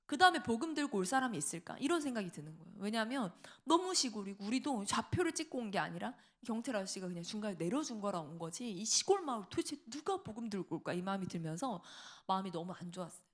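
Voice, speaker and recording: Woman preacher telling a story fast in church, lively, acts out what people said. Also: mid-range voice. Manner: lively storytelling with laughter and acted-out quotes. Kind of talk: sermon testimony. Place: church sanctuary.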